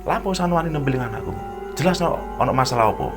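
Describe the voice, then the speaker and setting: A man voicing a hot-tempered older Madurese father who demands answers in an indignant, shouting manner, with a Madurese accent. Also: high voice, fast talker, loud music behind the voice, pitched above the performer's own voice. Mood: demanding.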